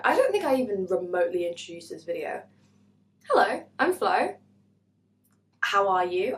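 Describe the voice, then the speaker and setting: A woman, chatting bubbly and self-mocking through a book haul vlog. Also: on the high side. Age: 20s. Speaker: booktuber. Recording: echoey room.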